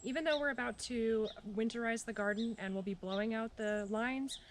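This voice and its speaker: A woman's voice: a little high, normal speed. A woman talking casually as she hosts a gardening how-to, recorded outdoors. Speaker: host of a gardening tutorial. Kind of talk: casual how-to vlog talk. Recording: faint outdoor background noise.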